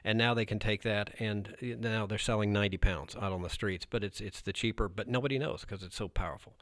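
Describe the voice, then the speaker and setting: A man's voice: on the low side, steady tone, a little fast, a bit bright, no room sound, clean studio sound. A man who works as a narcotics officer gives blunt, emphatic advice in a podcast interview, often restarting his sentences.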